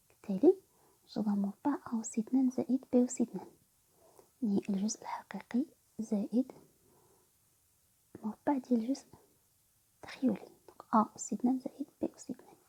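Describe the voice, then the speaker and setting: Fast, breathy whispering Moroccan woman teacher. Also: fairly high pitch, warm tone, poor audio. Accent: Moroccan Arabic. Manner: whispers nearly every line, explaining step by step. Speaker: math teacher. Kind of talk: whispered math lesson.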